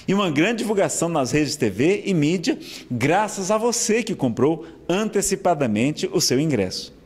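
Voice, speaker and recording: Brazilian male speaker, slightly high pitch, earnest and persuasive lecture delivery. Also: big pitch swings, moderate pace, a little mellow. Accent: Brazilian Portuguese. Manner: earnest, persuasive, checks in with listeners often. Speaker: spiritist speaker. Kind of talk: lecture announcement.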